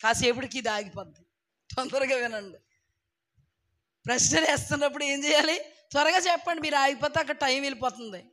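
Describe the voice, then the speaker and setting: A hoarse woman who is losing her voice, preaching a sermon with emphatic rhetorical questions and sudden swings between loud bursts and soft asides. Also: high voice, fairly quick, long pauses.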